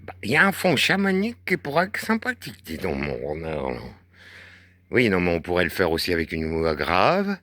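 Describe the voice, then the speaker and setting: A man with a deep bass voice chatting in playful, teasing banter, drawling his words and joking with his companion in a garden. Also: huge pitch swings, brisk, bright, forceful tone, slight background noise. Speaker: puppet-show host. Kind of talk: improvised comic banter. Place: garden outdoors.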